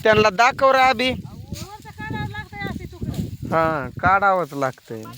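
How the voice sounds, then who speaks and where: A man talking casually while working outdoors in a soybean field, often calling out loud instructions to children and helpers. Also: high-pitched, big pitch swings, takes it slowly, slight background noise. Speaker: vlogger at work in a farm field.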